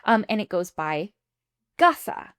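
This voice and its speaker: A woman's voice: mid-range voice, sing-song, measured pace, a bit bright, clean tone. A young woman co-hosting a casual podcast, chatty and full of fillers as she walks her co-host through a story. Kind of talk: casual chat.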